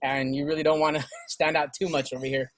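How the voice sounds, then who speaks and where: A man's voice: fairly high pitch, level tone, brisk, crowd noise. A middle-aged man, a guest DJ, talking on a video call from home in a chatty, self-deprecating way with laughs. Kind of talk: casual video-call interview. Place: home room indoors. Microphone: video call webcam.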